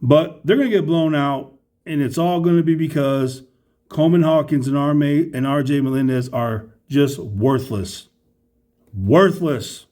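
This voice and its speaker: Slow, emphatic man ranting about sports. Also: fairly high pitch, darkish tone. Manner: blunt, scathing, exasperated; emphatic, repeating phrases for effect. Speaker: sports fan commentator. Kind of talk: halftime basketball commentary rant.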